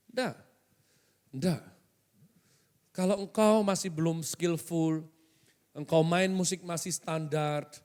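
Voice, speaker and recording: A male pastor preaches with energy in a high voice, firing rhetorical questions at the congregation and mixing in English phrases. He preaches into a microphone in a large hotel hall. The sound carries a long hall echo. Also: darkish tone. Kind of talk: sermon. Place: hotel main hall used as a church. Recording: echoey hall.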